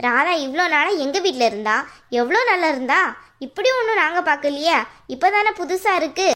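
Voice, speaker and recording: A woman voicing a sharp-tongued young woman in a cartoon drama who scolds and accuses her in-law. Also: sits high, animated, brisk. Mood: scornful. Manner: scornful, quarrelsome. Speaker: cartoon voice actor. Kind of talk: Tamil cartoon drama dialogue.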